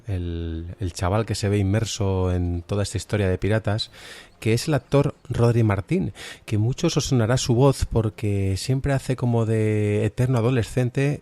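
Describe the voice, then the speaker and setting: A Spanish-accented man hosts an informal podcast reviewing audio dramas, sounding chatty, hesitant and self-deprecating. His voice is fairly low and warm.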